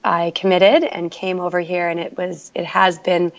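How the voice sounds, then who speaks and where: Over dull, lo-fi remote audio, a female teacher from Canada earnestly shares her story as a podcast interviewee. She speaks at a moderate pace in a lowish, flat voice, and the exchange is conversational.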